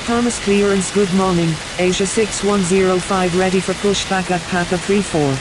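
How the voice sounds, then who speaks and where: Loud radio hiss surrounds a woman playing an airline pilot in a flight simulator game. She gives businesslike, clipped read-backs over the radio in a mid-range voice. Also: mid-range voice, steady tone, moderate pace. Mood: businesslike, procedural. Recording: loud hissing radio static.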